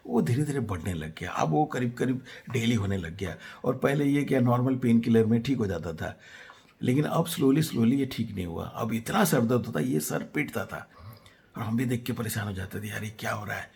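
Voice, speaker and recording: A man teaching a homeopathy case. He retells the family's story in first person, then analyses it, mixing Hindi with English phrases and pausing on fillers. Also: medium pitch, expressive, darkish tone. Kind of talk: case lecture.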